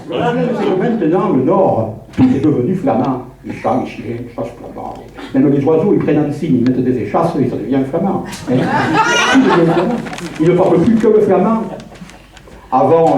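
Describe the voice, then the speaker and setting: High-voiced male comedian, echoey hall. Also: background noise. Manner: chatty, punctuates with "hein", drops into low asides and parody singing. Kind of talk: stand-up comedy with song parodies. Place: theatre stage. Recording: distant live stage recording in a very echoey hall. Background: audience laughter.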